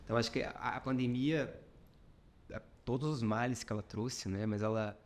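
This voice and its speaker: A Brazilian man with a Minas Gerais accent speaks at a moderate pace in a medium-pitched voice. He's a company founder being interviewed on a podcast, talking reflectively in short clauses packed with fillers.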